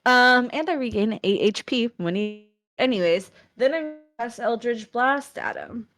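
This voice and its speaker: A woman's voice: a little high, animated, unhurried, fairly bright tone. A woman playing in an online tabletop game over a voice call, her mic cutting out so her volume keeps dropping and returning. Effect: mic cutting out, uneven volume. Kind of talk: casual online tabletop play. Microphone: home mic on a voice call.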